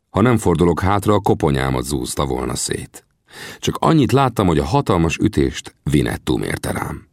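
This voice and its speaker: A man's voice: sits low, gravelly, no room sound, studio quality. A man narrating an adventure novel as an audiobook, in a dramatic storytelling manner. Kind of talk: scripted narration.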